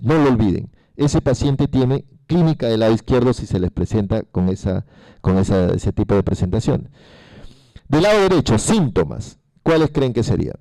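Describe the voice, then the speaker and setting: A man's voice: fairly low pitch, dark tone, no room sound. A man giving a medical lecture to a class, asking the students questions and repeating the key terms. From Peru.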